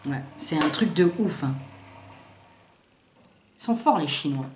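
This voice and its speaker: A woman doing a casual makeup haul video, talking in slangy, excitable bursts and swearing freely as she tests colours and trips over English names. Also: low voice, slow pace. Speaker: beauty vlogger. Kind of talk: casual haul review with swatches. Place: sunny room at home. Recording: roomy echo, faint background hiss.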